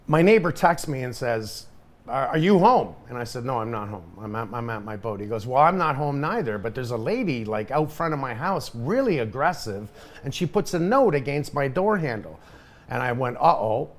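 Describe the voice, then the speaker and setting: A middle-aged man hosting a podcast, telling a story in casual chat with animated, emphatic delivery and lots of repetition. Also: mid-range voice, brisk. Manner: animated, emphatic, repeats himself. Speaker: podcast host.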